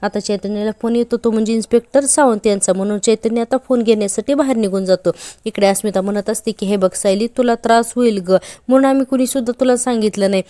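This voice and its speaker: A woman's voice: fairly high pitch, quick pace, warm tone, no room sound. A woman casually recapping a TV serial episode, chatty and speaking straight to her viewers. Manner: chatty, addresses viewers directly, frequent filler particles. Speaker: serial review host.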